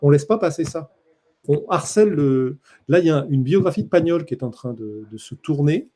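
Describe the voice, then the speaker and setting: Husky dark-voiced man speaking emphatically. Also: a little high, expressive, brisk. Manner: impassioned, emphatic. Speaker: journalist giving a conference talk. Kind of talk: conference talk.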